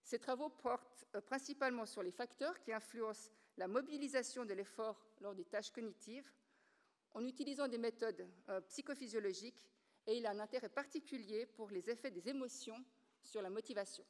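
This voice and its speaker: Brief: female event host, formal read-out introduction, fairly high voice, hall reverb. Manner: measured, formal, reading from notes. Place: lecture hall.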